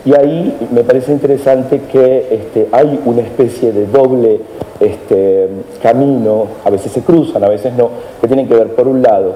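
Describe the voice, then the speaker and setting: A man's voice: mid-range voice, unhurried, dark tone. A man with an Argentine accent, a lecturer thinking aloud on a panel in a discursive way, often adding tag questions. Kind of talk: reflective panel talk. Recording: echoey hall with faint noise.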